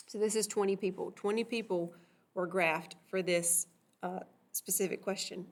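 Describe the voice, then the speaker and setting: A woman's voice: mid-range voice, steady tone, normal speed. A woman teaching a recorded math lesson, patiently walking through examples and checking in with "okay?".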